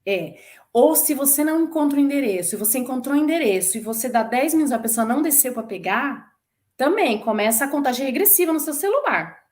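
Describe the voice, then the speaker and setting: Lively Brazilian woman in her forties. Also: high-pitched, fast talker. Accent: Brazilian Portuguese. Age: 40s. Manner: lively storyteller who acts out quoted voices. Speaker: former flight attendant telling her story. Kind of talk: casual chat interview.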